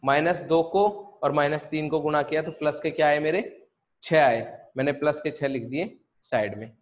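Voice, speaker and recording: A man teaches an online math class, talking the students through each step. His voice sits a little high for a man. He keeps asking the class questions and answering them himself, repeating the key rules. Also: fairly even intonation, normal speed. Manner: repetitive, step-by-step explaining with rhetorical questions.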